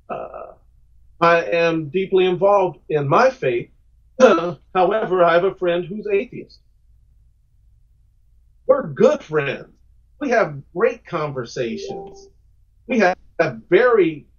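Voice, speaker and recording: A man guest on a podcast, talking in an earnest, reflective, rambling way with restarts. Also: on the high side. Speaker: podcast guest, comic creator. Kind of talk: casual podcast conversation. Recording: muffled lo-fi audio.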